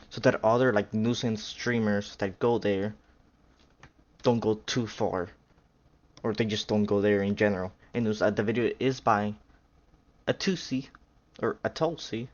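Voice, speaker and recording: Casting: low-voiced guy, meandering reaction streamer, lo-fi mic. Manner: rambling, unsure, full of fillers and self-corrections. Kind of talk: casual reaction commentary.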